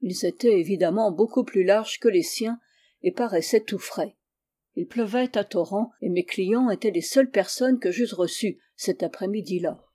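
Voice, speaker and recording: Mellow-voiced woman narrating a story. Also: mid-range voice, moderate pace. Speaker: audiobook reader. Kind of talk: scripted narration.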